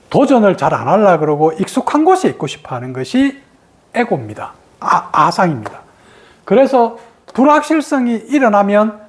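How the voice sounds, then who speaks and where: A woman meditation teacher gives a dharma talk and acts out the ego's sudden refusals in a lively way. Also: medium pitch.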